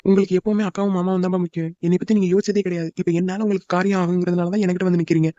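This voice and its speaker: A man's voice: high-pitched, little pitch movement, very fast, mellow, dry recording, dull audio, soft background music, natural voice. A man voicing a stubborn young son who argues with his father in a cartoon, in a heated way. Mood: defiant.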